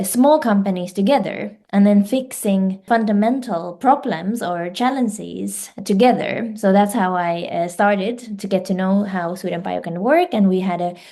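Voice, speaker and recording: A Finnish woman, a life science director, is a guest on a podcast interview. She is a fluent second-language speaker with a mellow, mid-range voice who sounds hesitant, using fillers and restarting sentences.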